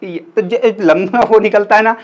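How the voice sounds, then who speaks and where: A young man with a high voice gives a relaxed classroom-style lesson on grammar. He talks chattily and keeps asking his students questions as he explains. Now and then he draws out a vowel to show how it sounds. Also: normal speed. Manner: stretches vowels to demonstrate sounds. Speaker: Hindi grammar teacher. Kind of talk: casual classroom lecture.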